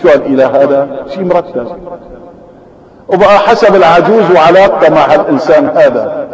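A man's voice: a little high, fairly quick. A man giving a religious lesson, reading a story aloud and then commenting on it in colloquial speech. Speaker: preacher. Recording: echoey hall with a crowd.

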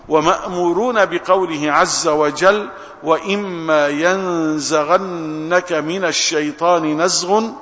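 A man giving an Islamic religious lesson, measured and emphatic, slowing down to stress quoted scripture. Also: on the high side, fairly bright tone. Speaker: Islamic preacher. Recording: dull recording with long hall reverb.

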